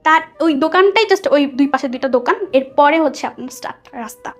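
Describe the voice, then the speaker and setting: A young woman with a Bangladeshi accent speaks in a high-pitched, brisk voice, telling a personal story as a guest. She's chatty and conversational, slipping English words into her speech, with soft music playing behind her.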